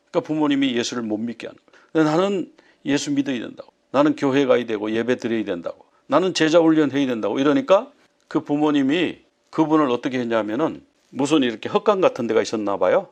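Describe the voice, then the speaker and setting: A man's voice: mid-range voice, animated, fast talker. A male pastor preaching a sermon, telling a story and acting out the voices of the people in it.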